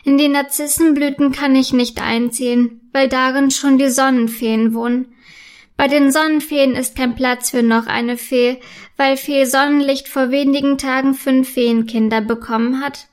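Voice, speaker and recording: A woman voicing a small, shy fairy girl who speaks softly and wistfully in a storybook reading. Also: high voice, steady tone, moderate pace, close to an everyday voice. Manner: soft and wistful.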